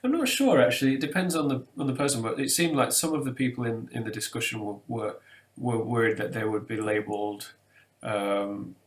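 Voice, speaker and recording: This English man, a webinar co-presenter, speaks a little fast at a medium pitch, reasoning aloud with plenty of fillers and restarts in a casual academic discussion. The recording has an echoey quality from the indoor room lined with bookshelves.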